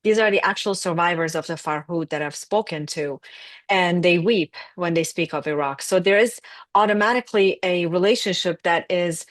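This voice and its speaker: A woman speaking as a panelist, asking questions in a measured, thoughtful way. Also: fairly low pitch, no room sound. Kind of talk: panel discussion.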